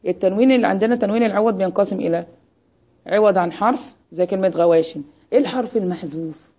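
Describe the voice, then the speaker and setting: A woman's voice: medium pitch, rapid-fire, muffled recording. An Egyptian woman teaching an Arabic grammar lesson, constantly quizzing her students with repeated "what?" prompts. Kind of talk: Arabic grammar lesson with call-and-response questions.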